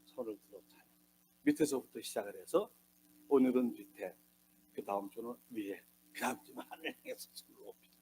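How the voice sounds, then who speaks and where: A man preaching a sermon as a pastor, swinging between hushed asides and loud emphatic bursts and acting out the voices he quotes. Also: mid-range voice, animated, brisk, pauses often, slight background noise. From South Korea.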